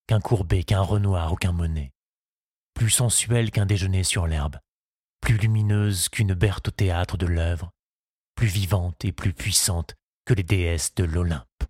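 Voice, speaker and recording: Low husky male narrator. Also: measured pace, a little mellow, no room sound, studio quality. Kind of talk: scripted audiobook narration.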